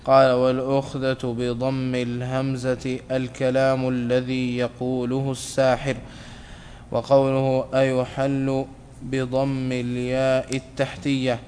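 A man reads a classical religious text aloud to his teacher, word by word and with care. His voice stays level on one note, with almost no rise or fall. A faint noise runs behind him. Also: mid-range voice. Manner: flat, measured recitation. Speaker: student reading a text aloud.

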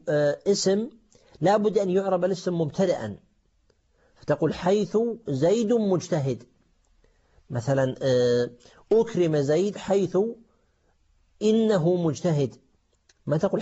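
Husky dark-voiced man teaching grammar. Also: on the high side. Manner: explains step by step, asks and answers own questions, many fillers. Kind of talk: grammar lesson on Quranic verses. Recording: dull lo-fi recording.

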